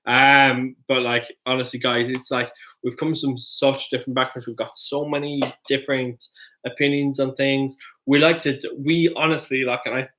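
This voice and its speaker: A man's voice: mid-range voice, flat delivery, normal speed, sharp tone. A young Irish man who has had a few drinks, chatting loosely and jokingly as co-host, full of restarts. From Ireland. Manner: rambling, loose and jokey, many restarts. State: tipsy. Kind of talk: casual chat.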